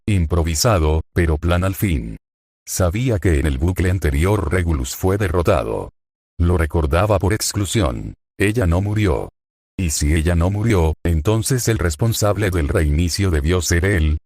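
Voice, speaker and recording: Deep-voiced man narrating a sardonic story. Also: darkish tone, dry recording, clean studio sound. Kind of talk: scripted narration of fan fiction.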